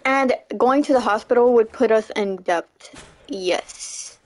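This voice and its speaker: A young livestreamer chats casually with viewers as she games and reads chat, laughing often and frequently saying "you know what I'm saying." Her voice is on the high side, slow, and darkish, in a low-quality recording.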